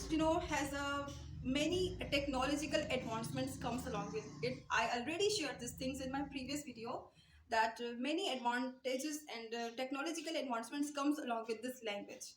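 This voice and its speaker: Facing the camera in a small indoor room against a light wall, a young Pakistani woman earnestly teaches spoken English in her Pakistani accent, repeating points and using hand gestures. Her high-pitched voice is reverberant, with slight hiss or hum.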